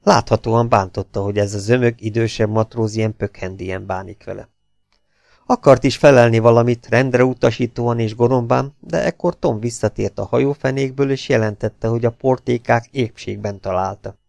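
A man narrating an audiobook in steady storytelling, recorded close to the mic. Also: medium pitch, vocal fry, dry recording. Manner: steady storytelling, voices for each figure. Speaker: audiobook reader. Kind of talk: scripted narration.

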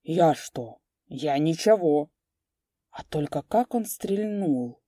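A woman's voice: low voice, expressive, slow, mellow, dry recording, clean studio sound, exaggerated voice. A woman reading as a grinning, carefree young coachman.

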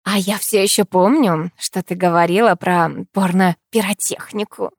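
A woman's voice: mid-range voice, steady tone, normal speed, dry recording, studio quality, natural voice. A woman voicing a cheeky young female friend who teases in a bawdy, insistent way, in an audiobook. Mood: teasing.

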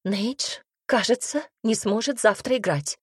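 A woman's voice: on the high side, a little slow, husky, dry recording, clean studio sound. A woman voicing a worried woman singer in an audiobook, sighing and pleading. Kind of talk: audiobook character reading.

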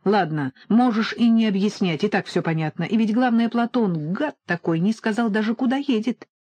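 A woman voicing a bold, brash woman who talks in a quick, colloquial way, in an audiobook. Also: mid-range voice, mellow, husky, no room sound, lightly acted.

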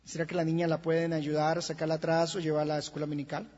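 A man with a Colombian Spanish accent preaching a sermon in a church, impassioned, swinging from quiet talk to shouting. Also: a little high, little pitch movement, rapid-fire. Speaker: pastor. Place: church hall. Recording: lo-fi church recording with long reverb.

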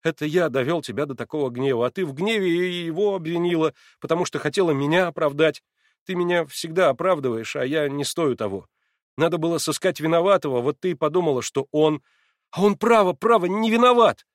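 A man's voice: on the high side, brisk, no room sound, voice pushed up, natural voice. Brief: male reader doing an eager young man, raised voice, fervent, dry audiobook sound. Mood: pleading. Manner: heated, excitable, swearing oaths.

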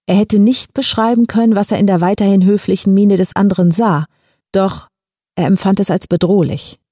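A woman reading a short story aloud in a measured, even storytelling manner. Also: medium pitch, slightly rough, no room sound, studio quality. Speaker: audiobook reader. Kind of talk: scripted story narration.

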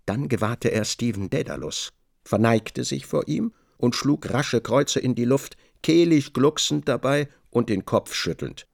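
A man giving measured, scripted literary narration for a radio drama. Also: mid-range voice, gravelly, a little mellow, no echo, studio quality. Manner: measured, descriptive reading.

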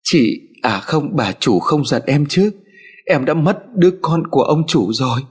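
A man's voice: on the high side, animated, unhurried, breathy edge, voice pushed up. A man voicing a young servant woman crying out in grief. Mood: pleading. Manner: sobbing, pleading cries. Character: young grieving servant woman, desperate mother.

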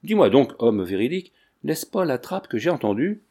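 A man's voice: medium pitch, very animated, moderate pace, warm tone, husky. A man voicing a wrathful, tyrannical prince who speaks in a commanding, contemptuous way. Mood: impatient.

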